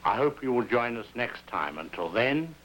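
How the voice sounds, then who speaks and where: A man hosting a television show in a dry, deadpan and formally droll manner, heard through an old 1950s television broadcast with a faint hum. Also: medium pitch, moderate pace, poor audio. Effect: old 1950s television broadcast sound with faint hiss and hum. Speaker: television host. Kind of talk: scripted wry host introductions.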